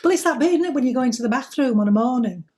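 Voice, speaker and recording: A woman's voice: high-pitched, lively intonation, rapid-fire, dark tone. A woman co-hosting a casual spiritual chat, encouraging and playfully teasing. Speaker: spiritual co-host.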